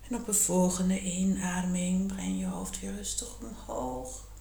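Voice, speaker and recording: A woman guiding a meditation and yoga lesson in a slow, calm, soothing voice, often half-whispering. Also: on the low side, creaky. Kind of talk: guided meditation and yoga instruction. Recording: echoey room.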